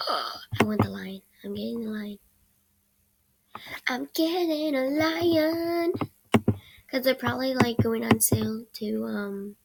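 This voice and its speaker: A teenage girl who is sick and losing her voice speaks in a slightly high, creaky tone while casually commentating a game on her computer for her gaming channel. She's hesitant and rambling, often fading into soft mumbles. The audio, captured by a computer microphone during screen recording, has loud background noise and clicks.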